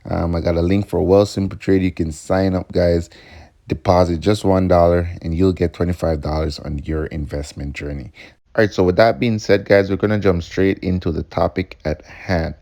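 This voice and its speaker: A man's voice: sits low, steady tone, normal speed, dark tone. A man hosting an investing video channel, explaining topics in a casual, upbeat way and calling the viewers "guys" again and again. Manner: upbeat, addresses viewers as guys, repeats points. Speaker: host of a stock investing channel.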